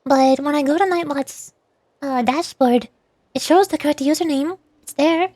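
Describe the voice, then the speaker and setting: A woman VTuber with a high-pitched but darkish voice speaks at normal speed during a gaming livestream. She chats playfully, mutters to herself, and reads game dialogue aloud, in studio-quality audio with no echo.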